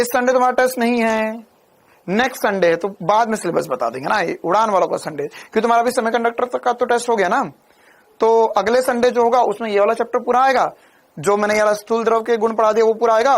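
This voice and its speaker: A man's voice: high-pitched, fast. A young man teaching a physics class in a casual, chatty way, talking to students like friends. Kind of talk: casual Hindi lecture.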